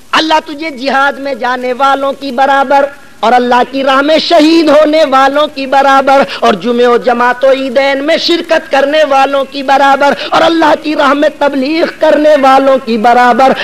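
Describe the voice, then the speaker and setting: High-pitched preacher telling emotional stories. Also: male voice. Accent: Indian Urdu. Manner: emotional, chanting delivery with sudden loud and soft swings. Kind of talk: Urdu sermon with dramatized storytelling.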